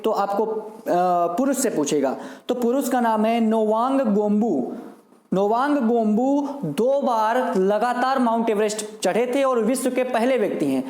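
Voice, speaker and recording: A man's voice: very high-pitched, darkish tone. A man teaching exam students, repeating names and asking quiz questions as he explains memory tricks. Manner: repetitive, drills names with "ठीक है" and quiz questions. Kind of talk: classroom lecture with memory tricks. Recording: echoey room sound.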